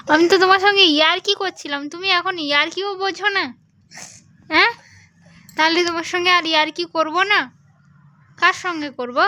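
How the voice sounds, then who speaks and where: A woman's voice: high-pitched, sharp tone, no room sound. A young mother at home with a West Bengal Bengali accent, coaxing and cajoling her child in casual vlog talk, slipping into baby talk.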